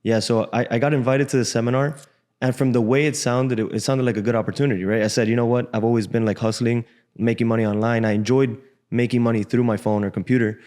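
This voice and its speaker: A man in his twenties, born in Cuba and raised in Miami, tells his own story as a podcast guest. He talks in a relaxed, frank way with casual slang. He is recorded close on a studio boom mic. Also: fast. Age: 20s. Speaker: guest trader. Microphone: desk boom mic.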